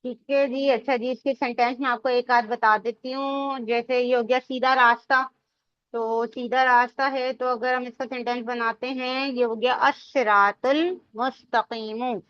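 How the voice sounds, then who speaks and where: High-voiced woman teaching grammar. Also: steady tone, measured pace, dry recording, lo-fi sound. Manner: explains step by step, asking students questions. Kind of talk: online Arabic grammar lesson.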